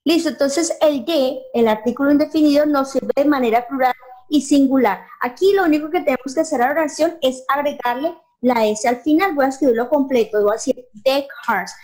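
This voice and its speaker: Woman, high-pitched, patient coaching teacher, echoes answers. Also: a little fast, darkish tone. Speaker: English teacher. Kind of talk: beginner English lesson dialogue.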